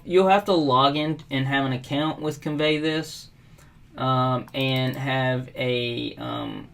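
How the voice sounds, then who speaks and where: A middle-aged man from South Carolina, USA, hosts a casual screen-recorded WordPress tutorial, walking through a software setup at his desk with a webcam overlay. His voice is on the high side, and he is relaxed and unhurried, with frequent ums and uhs.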